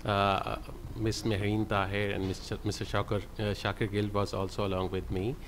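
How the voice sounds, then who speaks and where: At the panel table of a conference hall, a librarian gives his presentation through a table microphone, hesitant and heavy on fillers. His voice is lowish with little pitch movement and runs at normal speed. Slight background noise accompanies him.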